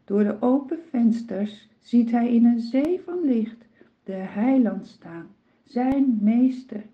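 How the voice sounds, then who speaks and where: Slow, dramatic woman storyteller. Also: fairly high pitch, highs cut off. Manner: dramatic, emotive narration. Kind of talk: children's Bible storytelling.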